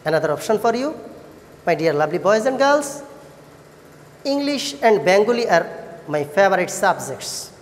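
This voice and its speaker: A woman with a Bangladeshi accent teaching an English lesson to children, encouraging and praising like a kids show host, with deliberate sing-song questions. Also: mid-range voice, sing-song. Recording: echoey hall-like reverb.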